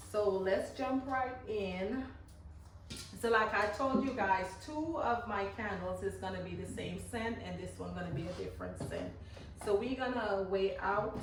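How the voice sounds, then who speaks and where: Here a woman of medium pitch with a Guyanese accent makes candles in her home garage, chatting casually and repeating herself loosely while she works. There's slight background noise, including cars going by and lawn mowing. The microphone is far away, so the garage sounds echoey.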